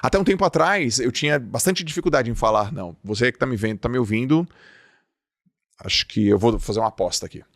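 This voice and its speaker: A man with a gravelly, creaky voice gives a casual but emphatic motivational talk. He acts out small everyday exchanges as he goes, and the recording is close and dry. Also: mid-range voice, lively intonation, fast talker, a bit bright, no room sound. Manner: emphatic, acts out little dialogues. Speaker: motivational speaker.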